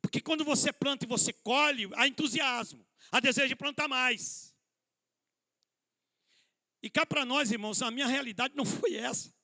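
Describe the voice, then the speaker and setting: His voice is very high, pushed and bright, and he keeps a moderate pace. This middle-aged male pastor delivers a conversational sermon at a church conference in a church hall, addressing people as brothers, asking rhetorical questions and using self-deprecating humor.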